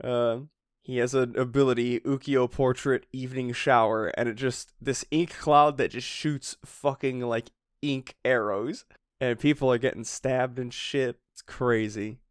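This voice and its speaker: A man co-hosting a podcast in casual chat, excitable, laughing often and swearing freely. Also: medium pitch, a little slow, clean tone, no echo, clean studio sound. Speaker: podcast co-host.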